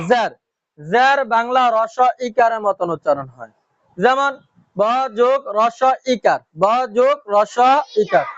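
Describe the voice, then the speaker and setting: Slow, patient man drilling a class. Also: very high voice, fairly bright tone, no room sound, muffled recording. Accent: Comilla Bengali. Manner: drills pupils with repeated questions and answers. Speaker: Quran teacher. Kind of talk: slow classroom lesson with repetition.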